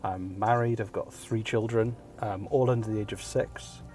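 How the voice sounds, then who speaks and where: A Welsh man in his thirties hosts a casual, jokey podcast, talking in a self-deprecating monologue full of ums while driving, recorded through a phone hands-free kit. His voice sits on the low side with a darkish tone, fairly even intonation and normal speed, and faint music plays in the background.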